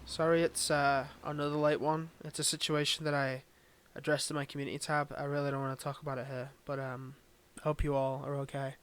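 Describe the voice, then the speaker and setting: This ASMR voice performer and channel host gives his listeners a casual, unscripted update in a subdued, hesitant, rambling way. His voice is a little high and a bit bright, brisk and flat in delivery, with smooth audio.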